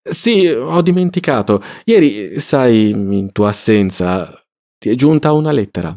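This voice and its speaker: A man's voice: medium pitch, animated, measured pace, darkish tone. A man reading as a blunt, teasing housemaid. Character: chatty peasant housemaid, young woman, giggly.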